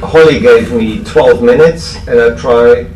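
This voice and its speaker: A man with a German accent and a mid-range voice speaks at a recovery fellowship convention, giving an informal, halting talk that recalls history with dry, self-deprecating jokes. He addresses an audience in an echoey, noisy room, picked up by a distant microphone.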